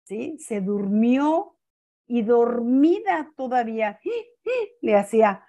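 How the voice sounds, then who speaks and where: A woman's voice: fairly high pitch, animated, slow, dark tone. An older woman teaching a family class, telling stories unhurriedly and often repeating words as she checks in with her listeners. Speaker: family-school speaker. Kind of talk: teaching talk with personal stories.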